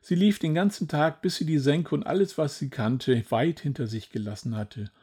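A man reading a children's storybook aloud in a gentle, even manner. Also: a little high, normal speed, husky. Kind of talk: scripted storybook narration.

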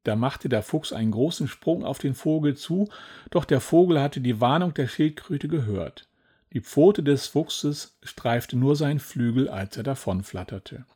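A man reading a children's storybook aloud in a gentle, even manner. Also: mid-range voice, unhurried, slightly rough. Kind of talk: scripted storybook narration.

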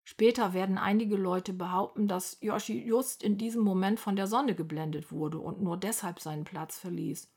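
A woman narrating a children's story aloud, lively and expressive. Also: medium pitch, moderate pace, few pauses, husky.

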